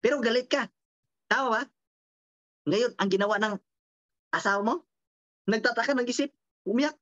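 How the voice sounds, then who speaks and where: A woman giving a lively motivational seminar talk, repeating phrases and checking in with her listeners through quick rhetorical questions. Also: fairly high pitch, dry recording, dull audio. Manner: repeats and counts out phrases for emphasis. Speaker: motivational speaker.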